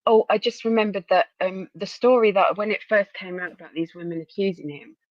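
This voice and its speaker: A woman's voice: medium pitch, fairly quick, dry recording, muffled recording. A woman with an Essex accent chatting casually as a guest on a live discussion. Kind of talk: casual chat.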